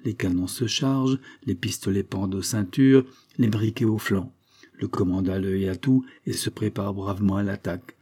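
Low, husky male storyteller. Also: steady tone, warm tone. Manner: measured, descriptive reading. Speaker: narrator. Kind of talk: scripted audiobook narration.

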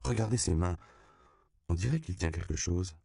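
A man voicing a harried female flight attendant who speaks briskly and dismissively. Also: sits low, creaky, warm tone, dry recording.

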